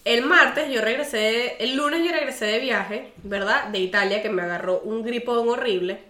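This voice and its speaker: A woman with a Venezuelan accent, co-hosting a podcast and telling a story in animated, slangy casual chat. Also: on the high side, moderate pace, echoey room. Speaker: podcast host.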